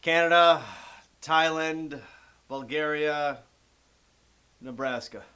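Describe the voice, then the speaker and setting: A man's voice: on the high side, steady tone, takes it slowly, pushed and bright, clean tone. A man co-hosting a podcast who throws in blunt, wisecracking one-liners during a casual chat. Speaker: podcast co-host.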